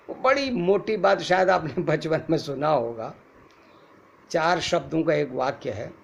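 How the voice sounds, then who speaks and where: A man's voice: a little high, slightly rough. A man teaching an acting lecture, explaining with spoken examples and rhetorical questions.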